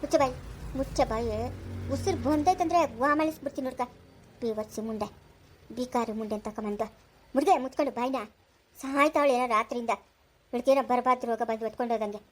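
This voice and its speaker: A woman's voice: sits high, fast, pauses often. A woman acting a cruel village woman who curses and threatens a small girl in a family skit. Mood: cursing. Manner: scolding, cursing, threatening. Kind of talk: amateur village drama acting.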